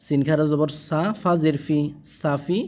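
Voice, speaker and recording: A man teaches Quran reading, spelling out each letter and its vowel marks one by one. His voice sits a little high yet sounds soft and warm. He draws the recited words out slowly and keeps checking that his learners follow. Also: level tone. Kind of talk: spelling-out Quran lesson, call and repeat.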